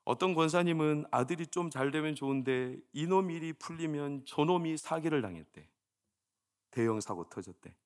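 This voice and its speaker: A man in his forties, a senior pastor preaching a sermon in a chatty, conversational way, full of rhetorical questions, swinging between hushed storytelling and loud exasperated outbursts. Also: a little high, lively intonation, normal speed.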